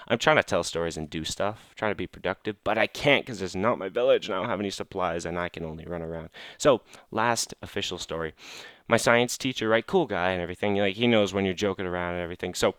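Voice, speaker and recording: A man's voice: low voice, quick pace, fairly bright tone, clear, resonant tone, dry recording, clean studio sound. A teenage boy rambling through funny school stories, full of fillers, while commenting on a game. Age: teens. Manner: rambling, filler-heavy, laughing storyteller. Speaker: gaming channel host. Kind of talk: casual gameplay commentary storytelling.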